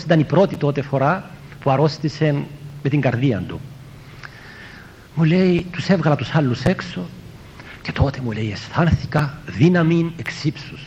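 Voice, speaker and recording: Priest telling a story, muffled. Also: male voice, a little mellow. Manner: retells a story, quoting others and repeating "he tells me". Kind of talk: storytelling homily. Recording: muffled lo-fi with faint rumble.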